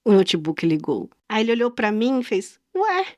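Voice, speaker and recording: A woman with a Brazilian Portuguese accent tells a story on a podcast in a relaxed, chatty way. She slips into the voices of the people in her tale and laughs as she goes. Her voice sits mid-pitch on a dry, close mic. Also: fairly quick, no room sound, lo-fi sound. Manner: animated, acts out quoted dialogue, laughs often. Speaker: podcast co-host. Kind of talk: casual storytelling chat.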